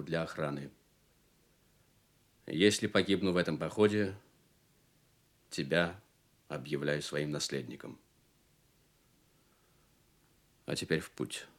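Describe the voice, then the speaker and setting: An actor playing a solemn, commanding legendary king in an audio drama, stately and measured. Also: low voice. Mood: grave farewell. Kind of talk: Soviet audio drama acting.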